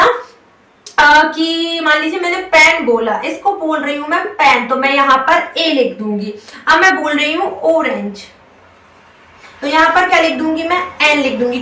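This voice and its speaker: A woman's voice: high-pitched, sharp tone. A woman teaching a grammar lesson to her students. She explains patiently, asks her own questions and answers them, and says "theek hai" after each point. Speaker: English teacher. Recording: roomy echo from a distant mic.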